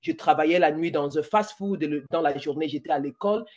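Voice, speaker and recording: Her voice low and a little mellow, a Cameroonian woman in her forties talks a little fast as a podcast guest. The interview is conversational, with English words creeping into her French and plenty of restarts.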